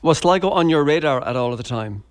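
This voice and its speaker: A man's voice: a little high, lively intonation, fast. A man with an Irish accent asking questions in a conversational sports interview.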